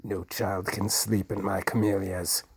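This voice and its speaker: A cruel, cold old duke from a storybook reading, voiced by a man, snarling and rasping. The voice is low, gravelly and husky, and it leaps into furious screams. The recording is dry and close. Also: level tone, a little slow, no echo, heavily acted. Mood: cold menace.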